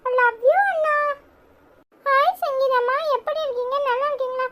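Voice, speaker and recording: A woman's voice: steady tone, moderate pace, fairly bright tone. Woman as small cartoon boy: Tirunelveli accent, piping voice, chatty, cheeky, caring. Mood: coaxing. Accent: Tirunelveli Tamil. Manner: chirpy, high-pitched childish chatter.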